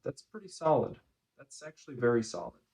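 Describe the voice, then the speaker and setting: A man giving a casual running vlog recap in measured, deliberate phrases with frequent pauses. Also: mid-range voice, big pitch swings, darkish tone. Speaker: running vlogger.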